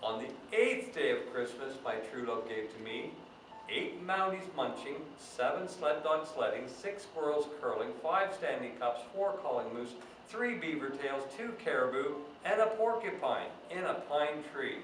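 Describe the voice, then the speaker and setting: A man playing Santa Claus reads storybooks aloud to children as a jolly, folksy host, adding chatty asides in a jolly, playful mood. His voice runs on the high side and a bit bright, with lively intonation and a slightly slow pace. He's away from the mic in a very echoey indoor room, with faint noise.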